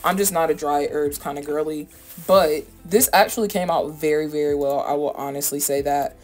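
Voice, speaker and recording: This is a low-pitched, somewhat dark female voice with fairly even intonation and a moderate pace. She's an American woman doing informal, slang-filled voice-over narration of a recipe for a home cooking vlog, backed by music.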